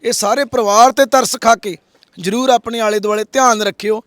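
Earnest high-voiced man pleading. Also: steady tone, brisk, a bit bright, no room sound. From Punjab, India. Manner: earnest, pleading, repeats please. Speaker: social worker, host of an appeal video. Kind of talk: public appeal to viewers.

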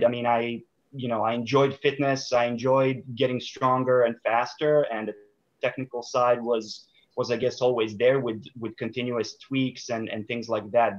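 A man's voice: medium pitch, fairly even intonation, normal speed. A man from Serbia in his thirties, a sport psychologist guest speaking thoughtfully with many fillers and restarts over a video call. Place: small room indoors. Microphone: video call webcam. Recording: dull lo-fi call audio.

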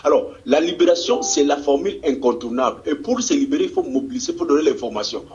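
A man's voice: fairly high pitch, sing-song, fast, darkish tone, slight background noise. A man from DR Congo, a political activist answering an interview in a fervent, rousing way, often stumbling and repeating words. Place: Congolese diaspora community in Australia. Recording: dull lo-fi TV recording.

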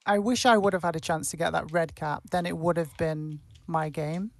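A woman's voice: low voice, fairly even intonation, a little fast, no echo. A young woman, a tournament player, talking over her mistakes in a self-deprecating way with stammered restarts. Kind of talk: casual post-game chat.

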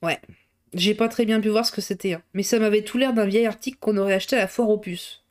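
A woman's voice: medium pitch, quick pace, a little mellow, lightly acted. Breathless rambling gossip cook, as a woman reader puts her on, chatty and colloquial. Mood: gossipy.

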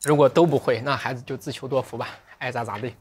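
A man talks casually to his livestream viewers, musing and joking at an ordinary middle pitch. At times he slips into slow, deliberate English. A faint hiss sits under his voice. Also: steady tone. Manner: reflective, joking, drifts into slow careful English. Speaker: livestream sales host.

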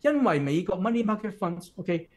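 A man's voice: sits high, lively intonation, normal speed, darkish tone. A man with a Hong Kong Cantonese accent giving chatty economics commentary, often checking in with "OK?" as he walks through a chart. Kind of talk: casual explanatory commentary. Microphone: computer mic while screen-sharing.

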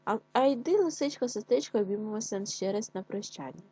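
A woman's voice: medium pitch, very animated, a little fast, dark tone, husky. A woman voicing a timid, kind little hedgehog in a children's tale. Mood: despairing.

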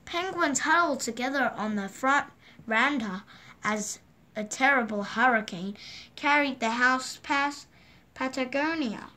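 A woman with a high, bright voice reads a picture book aloud indoors at a table, slowly and gently, raising her voice for quoted lines. A phone or camera films the book from above.

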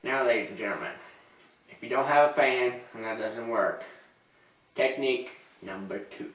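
A young man hosting a homemade comedy talk show, goofy, with loud shouty bursts between mumbled asides. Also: medium pitch, normal speed. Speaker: host. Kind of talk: comic home-video talk show. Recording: roomy, far from camera, faint noise.

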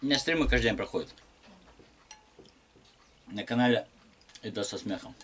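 A man talking casually to his viewers while eating noodles, with slangy asides and pauses to chew and hum. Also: on the low side, fairly bright tone, slightly rough. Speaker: mukbang vlogger.

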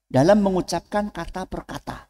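A man preaching to students in a lively way, asking the audience questions and then answering them himself. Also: high voice, normal speed. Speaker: Islamic preacher. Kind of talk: lecture to students. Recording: long hall reverb.

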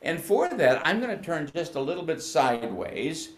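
An older man from the United States teaching band, explaining flute technique patiently and sounding out syllables slowly. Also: on the high side, big pitch swings, echoey room. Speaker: music educator. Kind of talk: instructional demonstration.

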